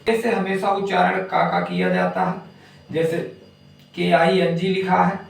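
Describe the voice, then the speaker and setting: A man teaches an English phonics lesson, spelling words letter by letter before pronouncing them. His high voice swings widely in pitch, runs a little slow, and has vocal fry, captured by a distant mic in an echoey room.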